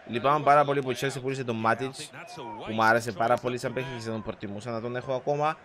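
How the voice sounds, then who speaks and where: A young man from Cyprus giving excitable live commentary over a football video game, swearing at the game and mixing in English slang. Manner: bursts into high shouting at goals. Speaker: gaming YouTuber.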